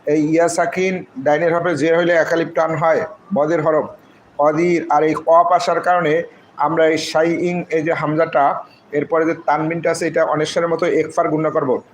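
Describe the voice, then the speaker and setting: A man teaching Quran recitation, slowly spelling out Arabic letters and vowels syllable by syllable, then explaining them. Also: on the high side, level tone, slight background noise, rough recording. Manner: slow syllable-by-syllable drilling, drawn-out recited phrases.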